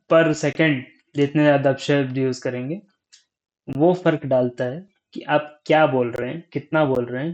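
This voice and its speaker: A young man giving a casual talk on speaking, unhurried, thinking aloud and often checking in with the listener. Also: a little high, a little mellow, dull audio. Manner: frequent "ठीक है?" check-ins.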